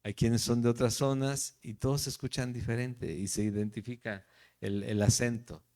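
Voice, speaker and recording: Mellow-voiced Mexican pastor teaching scripture. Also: male voice, mid-range voice, steady tone, normal speed. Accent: Mexican Spanish, Jalisco. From Guadalajara, Jalisco, Mexico. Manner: conversational, rephrases often, asks the listeners "¿sí?". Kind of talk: verse-by-verse Bible teaching.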